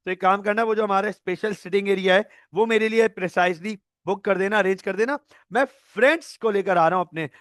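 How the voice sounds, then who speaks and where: A man's voice: sits high, a little fast, fairly bright tone, no room sound, studio quality. A male accounting tutor giving an online lecture, playfully acting out scenarios and mixing in English terms.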